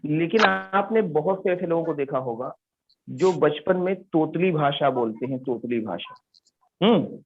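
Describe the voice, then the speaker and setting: A man with a fairly high, expressive voice teaches an English class at an unhurried pace, weaving in stories and quizzing students while repeating key words. The online class audio sounds tinny and phone-like, with a little hiss or hum.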